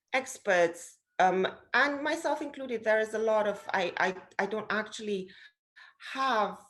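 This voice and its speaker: A woman in her forties, originally from Romania, answers interview questions in a fairly low voice. She thinks aloud, pausing often with fillers and restarting her sentences. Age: 40s. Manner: hesitant, many fillers and restarts. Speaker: interview guest, social investor. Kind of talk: thoughtful conversational interview.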